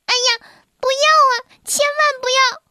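A woman's voice: very high voice, measured pace, a bit bright. A woman doing a fretful little rabbit boy. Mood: alarmed. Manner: anxious, earnest. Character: gentle, fretful young male rabbit. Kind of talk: storybook reading.

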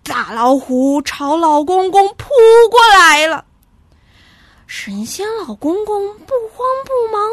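A woman with a high, bright voice tells a children's tale slowly and with wide, playful swings of pitch. Her tone is clear and animated, and the sound is close and dry. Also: dry recording. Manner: expressive, sing-song. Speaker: storyteller. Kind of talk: children's story narration.

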